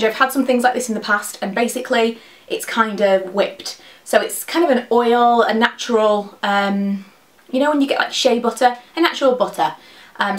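A woman in her thirties speaks very quickly, as a beauty vlogger would to camera. Her voice sits at a medium pitch. She chats casually and rambles through product opinions with frequent asides. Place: small dressing room at home, indoors.

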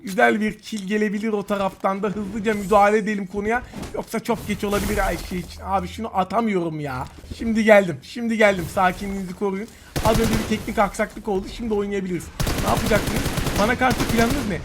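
A man giving live gameplay commentary, excitable and taunting his opponents while he talks to viewers. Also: high-pitched, fast, slight background noise. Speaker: gaming YouTuber. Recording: game gunfire loud behind voice.

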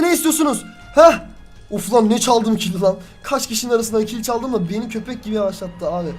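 An excitable young man commentates his own match as he plays it. He swears freely and yells at his teammates. Faint background music runs under his voice. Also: extremely high pitch. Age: young adult. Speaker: gaming youtuber. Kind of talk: live gameplay commentary.

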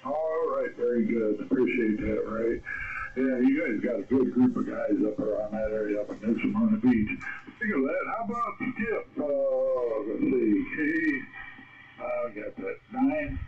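A man's voice: mid-range voice, sing-song, a little slow. A man running an amateur radio net in an easygoing, folksy way, heard over a radio transmission. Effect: radio transmission with static. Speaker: net control operator. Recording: tinny radio audio with loud static.

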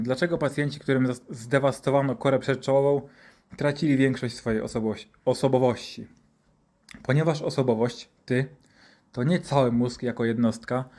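A man's voice: mid-range voice, a little mellow. A man narrating a story in a sarcastic, profane, rhetorical manner.

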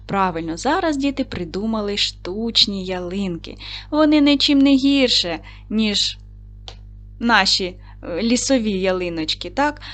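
A woman teaching a recorded primary school lesson, patiently asking questions and slowly spelling out sounds and syllables. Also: medium pitch, expressive, a bit bright, soft background music. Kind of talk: recorded video lesson for children.

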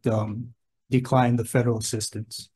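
A state emergency official testifies at a legislative hearing, laying out plans in a plain, conversational way and offering examples. He has a mid-range, level, slightly mellow voice at a normal pace, with slight background noise in the hearing room.

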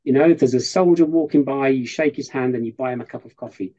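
A man, a professor, talking earnestly in an interview and telling stories with lively quoted asides. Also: mid-range voice, quick pace, muffled recording. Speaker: professor giving a guest interview. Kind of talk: conversational interview storytelling.

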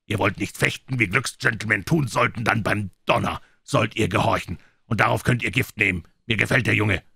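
A man reading puts on a gruff old pirate cook who bellows threats at his crew. The voice is low, gravelly and husky. It is recorded close and dry. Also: bright, forceful tone, no echo, full character voice. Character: menacing old one-legged pirate cook, male. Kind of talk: audiobook reading.

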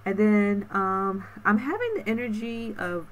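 A woman's voice: medium pitch, animated, rough recording. A woman talks through a tarot reading in a loose, meandering way, drawing out some words and checking in with the listener. Her voice sits in a middling range. A faint hiss runs under the recording. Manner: rambling, repeats okay and um, drawn-out words. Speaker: tarot reader.

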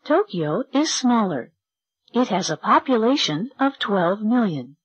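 A woman reading sentences for a school English textbook recording in a slow, lilting way. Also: mid-range voice, very animated, breathy edge, no echo, muffled recording. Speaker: textbook audio reader.

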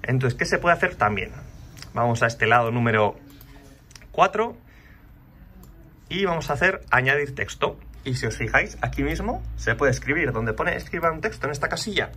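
A man walking viewers through a design website in a relaxed, chatty tutorial, talking to the audience as he clicks. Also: mid-range voice, normal speed, slight background noise. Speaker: channel host. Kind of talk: casual screen walkthrough tutorial.

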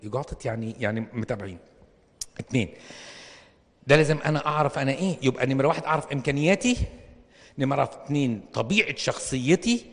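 A man with an Egyptian accent preaching a lively sermon, acting out little scenes and firing rhetorical questions at his listeners. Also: medium pitch. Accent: Egyptian Arabic. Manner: animated, acts out little dialogues, rhetorical questions. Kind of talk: comic sermon to an audience. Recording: long reverb of a hall.

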